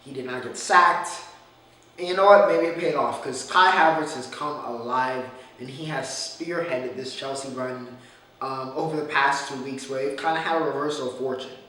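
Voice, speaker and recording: A man's voice: mid-range voice, normal speed, bright, forceful tone. Man with a groggy morning voice, echoey and distant. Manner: loose, rambling and opinionated, with restarts. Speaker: sports podcast host. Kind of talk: casual solo sports talk. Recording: echoey room, distant mic, faint noise.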